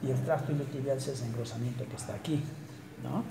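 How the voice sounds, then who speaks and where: A man's voice: medium pitch, quick pace, vocal fry, warm tone. A man lecturing on anatomy at a dissection, explaining step by step and often checking in with his students. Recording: echoey room with noise.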